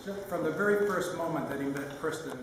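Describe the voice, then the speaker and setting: An older man giving a sentimental, lightly humorous father of the bride speech, halting with pauses mid-phrase. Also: on the high side. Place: large reverberant room at a wedding reception. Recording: echoey hall, distant mic, noisy room.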